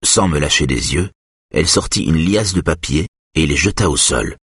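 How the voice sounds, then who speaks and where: Very deep-voiced, husky male narrator. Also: animated, normal speed, a bit bright, no room sound, studio quality. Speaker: audiobook narrator. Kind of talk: scripted first-person narration.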